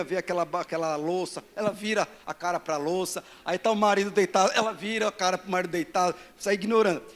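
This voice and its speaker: A man with a Brazilian Portuguese accent preaching a fervent, confessional sermon as pastor. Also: sits high. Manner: fervent, confessional, grows louder toward scripture reading.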